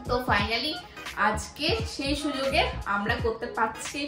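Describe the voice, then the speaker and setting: A young woman from West Bengal with a Bengali accent, chatting excitedly to viewers as a vlog host. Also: on the high side, measured pace, echoey room, music in the background. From West Bengal, India. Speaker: vlogger host. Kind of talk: casual vlog narration to camera.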